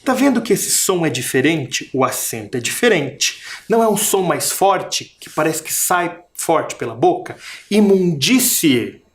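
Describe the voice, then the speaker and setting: A Brazilian man teaching children in a recorded video lesson, with a lively voice that rises and falls freely. He draws out each syllable and stresses it, then turns to his pupils with a question. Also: on the high side, moderate pace, few pauses. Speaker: primary school teacher.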